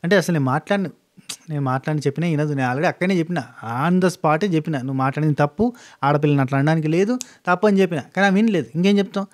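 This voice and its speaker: A man, casually recapping a reality show in an animated monologue with quick restarts. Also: fairly high pitch. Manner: rapid, animated retelling with frequent restarts.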